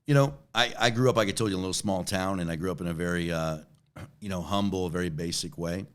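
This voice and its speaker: Deep, clear, and resonant, the man speaks fast as an interview guest. He's a company chief executive in his forties, answering conversationally while repeating words and frequently adding "right?"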